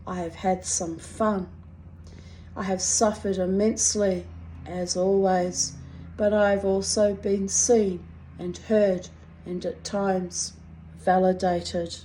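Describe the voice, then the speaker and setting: A middle-aged woman with a strong New Zealand accent reads her own personal writing aloud in a wry, deliberate, dramatic way. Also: medium pitch, level tone, warm tone, slight background noise, low-quality recording. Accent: strong New Zealand (Kiwi). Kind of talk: expressive reading of personal confessional prose.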